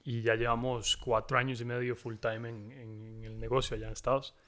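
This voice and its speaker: A Costa Rican man in his thirties, telling stories as a guest in a relaxed chat, saying "mae" often. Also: medium pitch, a little fast. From Costa Rica. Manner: relaxed, says "mae" constantly, storytelling. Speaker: guest, tequila brand founder. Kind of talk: casual podcast chat.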